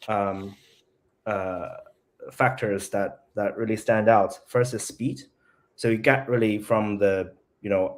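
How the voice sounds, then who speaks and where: A man, a company CEO, speaking as an interview guest in a casual, halting way, restarting his sentences often. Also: on the low side, a little mellow.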